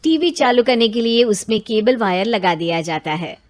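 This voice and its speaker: A woman narrating a children's bedtime story in a clear, measured way. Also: fairly high pitch, animated, darkish tone, dry recording.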